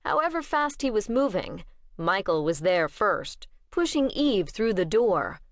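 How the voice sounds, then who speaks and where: A woman narrating an audiobook in a measured, steady storytelling manner. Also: medium pitch, dry recording, studio quality.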